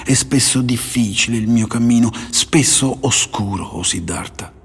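A man narrator voicing a humble, devoted old male seeker who speaks softly and reverently. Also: sits low, unhurried, gravelly, husky, full character voice. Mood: pleading, reverent. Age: older. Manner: soft, pleading, reverent.

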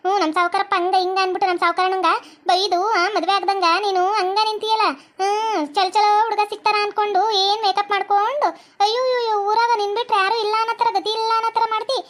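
A woman's voice: very high voice, level tone, fast talker, a bit bright. A woman voicing a quarrelsome village woman with a North Karnataka accent, taunting a rival in a cartoon comedy. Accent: North Karnataka Kannada. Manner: taunting, mocking.

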